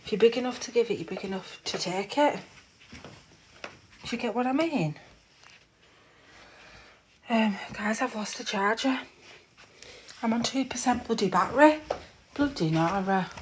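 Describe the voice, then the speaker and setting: A woman's voice: on the high side, measured pace, long pauses, a little hiss or hum. A woman hosting a casual live stream from her room at home, chatting and gossiping into her phone, laughing at herself.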